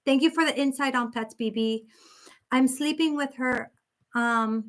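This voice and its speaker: A woman hosts a psychic reading live stream and talks casually with her viewers. She reads their comments aloud and answers with gentle sympathy, often restarting her sentences. Her voice sits a little high. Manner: talks in loose, restarting sentences with many fillers.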